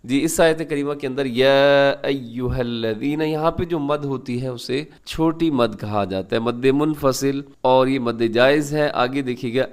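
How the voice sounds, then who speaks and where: Clear-voiced man teaching Quran recitation. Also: mid-range voice. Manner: instructive, repeats verses slowly then explains rules. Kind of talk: step-by-step recitation lesson.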